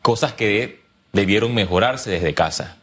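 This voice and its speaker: A man's voice: lowish voice, animated, measured pace, fairly bright tone, slightly rough. A man, putting questions as a co-host in a serious, formal manner. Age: 20s. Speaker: co-host interviewer. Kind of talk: broadcast interview question.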